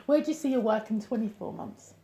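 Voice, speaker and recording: A woman interviewing an artist, upbeat and encouraging, with quick friendly responses. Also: fairly high pitch, dark tone, lo-fi sound. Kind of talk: casual interview hosting. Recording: echoey room.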